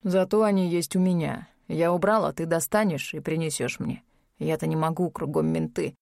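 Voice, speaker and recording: A woman reading an audiobook voices a cold, sneering male criminal who mutters low threats. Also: normal speed, creaky, a little mellow, no echo. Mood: menacing.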